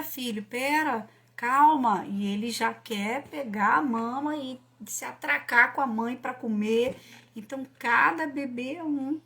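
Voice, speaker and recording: A woman with a Brazilian Portuguese accent explaining child-rearing to parents, animated and emphatic, asking rhetorical questions. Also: mid-range voice. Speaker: parenting educator and author.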